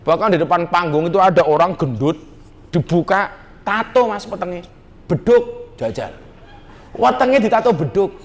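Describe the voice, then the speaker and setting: With a high-pitched voice, lively intonation and a moderate pace, a middle-aged man with a Javanese accent gives a jokey, teasing sermon to a live nightclub audience, mixing in Javanese slang as he goes.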